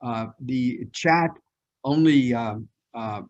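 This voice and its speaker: A man, a surgeon, speaking haltingly with many pauses and fillers over a video call. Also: medium pitch, darkish tone, lo-fi sound. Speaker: pediatric orthopedic surgeon. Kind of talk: online discussion.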